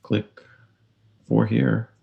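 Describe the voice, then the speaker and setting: A man's voice: drawn-out words, muffled recording. A man playing a tabletop miniatures game, calling out his moves in casual chat and joking to his pieces.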